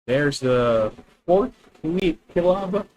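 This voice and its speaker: Streaming a card game live, a man from the Philippines with a Filipino accent thinks aloud and chats with viewers. His voice is a little high and darkish with lively intonation, delivered extremely slowly, and the audio quality is poor.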